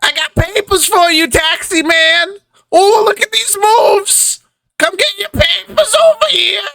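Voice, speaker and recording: A man voicing a small, cheeky frog-like paper boy who hawks his papers loudly. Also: extremely high pitch, unhurried, creaky, voice pushed up, full character voice. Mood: hawking. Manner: hawking, brash, shouting.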